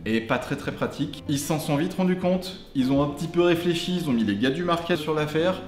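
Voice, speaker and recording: A man's voice: on the high side, expressive, fairly quick. A man hosting a casual car video with a tongue-in-cheek manner, full of slangy joking asides. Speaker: host of a car show. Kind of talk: casual scripted car presentation to camera. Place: garage, indoors. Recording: roomy garage echo, faint music behind.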